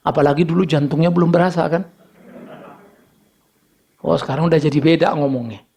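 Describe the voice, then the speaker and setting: A man's voice: a little high, fairly even intonation, a little fast, gravelly, dark tone, breathy edge. A man from Indonesia preaching a sermon as pastor, mixing casual asides and acted-out dialogue into his talk.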